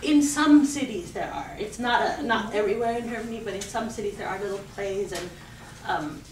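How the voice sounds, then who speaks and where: A woman with a medium-pitched, slightly dark voice talks a little quickly as she teaches a school class informally, asking students questions and repeating their answers. A video camera across the room picks her up, so the sound is distant and echoey, with clear classroom noise behind her.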